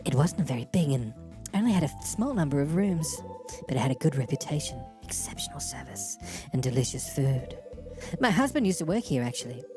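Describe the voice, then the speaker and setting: A man using a voice changer to raise his voice into a woman's range, voicing a soft-spoken widowed woman in a game with slow, hushed, whispery reading. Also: very animated, over music. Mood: reminiscing. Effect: voice changer pitching his voice up into a woman's range. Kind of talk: voicing game dialogue while streaming.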